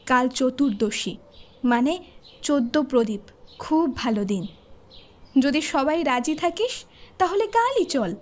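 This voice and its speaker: A young woman shaken by a strange sighting, in a horror audio drama. She speaks in a high voice, uneasy and now and then irritated. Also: sing-song, slow, pauses often, darkish tone, full character voice. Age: young adult.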